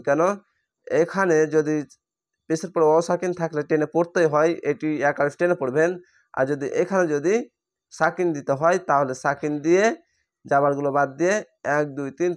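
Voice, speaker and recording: A man teaching Quran reading, patiently spelling out each word letter by letter and slowly stretching the recited syllables. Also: a little high. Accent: Bangladeshi Bengali. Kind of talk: step-by-step spelling lesson.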